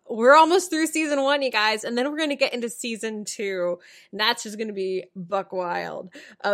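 Chatty woman podcast host, slightly high voice. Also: fairly bright tone. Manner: chatty, reads plugs with many fillers. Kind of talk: casual podcast chat.

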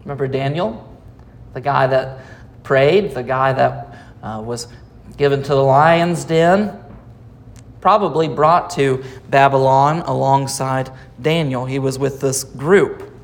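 An American man, a pastor, preaching a sermon with dramatic pauses and rhetorical questions. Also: medium pitch. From United States.

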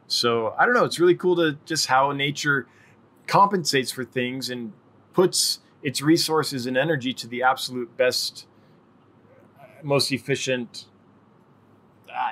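A man's voice: medium pitch, fairly bright tone. Friendly man hosting a livestream. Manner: friendly, rambling, answers chat questions, laughs often. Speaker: livestream host. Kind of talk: casual live-stream Q&A chat.

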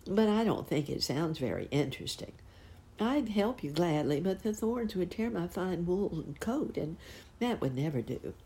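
A woman's voice: deep voice, warm tone, voice pushed up, full character voice. A woman voicing a vain, dim female sheep who is proud of her fine wool, talking primly. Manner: prim and self-satisfied.

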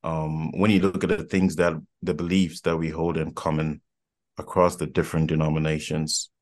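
A man's voice: rumbling low, flat delivery, normal speed. A man from Ghana, a guest on a podcast, speaking thoughtfully and repeating words as he builds his points. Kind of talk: casual podcast conversation.

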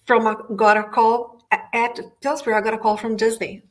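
In this interview conversation, a middle-aged woman from Brazil talks with enthusiasm about her career from her home office, her Brazilian Portuguese accent clear. She speaks fairly quickly in a voice on the high side, though her delivery is flat.

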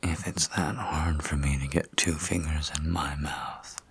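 A woman performing an intimate audio roleplay in a breathy whisper, teasing and commanding by turns with lots of repeated urging. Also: very deep voice, steady tone, unhurried, no room sound.

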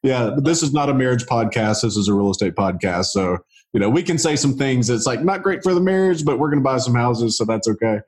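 A man hosting a real estate podcast, chatting in a relaxed way with lots of casual fillers. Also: mid-range voice, fairly quick. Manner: relaxed, chatty, many fillers like "you know". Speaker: podcast host. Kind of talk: casual interview chat.

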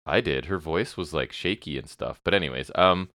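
Male co-host with an extremely low, bassy voice, dry sarcastic takes, dry close recording. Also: moderate pace, fairly bright tone, no room sound. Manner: sarcastic, opinionated commentary. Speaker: podcast co-host. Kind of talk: casual wrestling chat.

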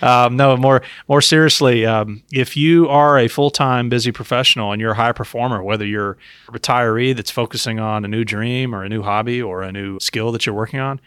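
A man's voice: mid-range voice, steady tone, brisk, fairly bright tone, clean tone, no echo, studio quality. A man hosting a podcast, explaining advice and speaking directly to his listeners and co-host. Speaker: podcast host and investment professional. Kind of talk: podcast talk giving investment advice.

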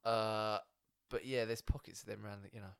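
Creaky-voiced Essex man chatting matily. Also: on the low side, fairly even intonation, fairly quick, fairly bright tone, no echo, studio quality. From Essex, England. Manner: rambling, colloquial, matey, sweary. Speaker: stand-up comedian, podcast guest. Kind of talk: casual podcast chat.

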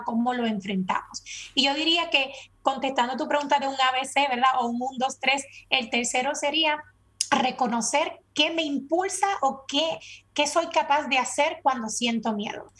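A woman speaks as a guest expert, explaining in an earnest, patient way. She keeps repeating her points and checking in with the listener. Her voice sits a little high. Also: fairly bright tone, husky. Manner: earnest, repeats steps with frequent "¿verdad?". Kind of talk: explanatory interview talk.

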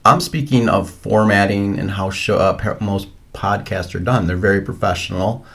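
A man's voice: lowish voice, normal speed, a bit bright. Playful male podcast co-host. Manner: playful, teasing questioner. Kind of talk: casual chat.

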